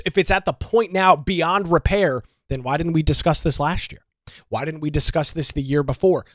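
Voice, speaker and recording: A man's voice: on the high side, no room sound. Sarcastic, emphatic man, dry close sound. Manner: sarcastic, emphatic, repeats points for effect. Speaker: local political commentary host. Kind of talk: opinionated solo commentary.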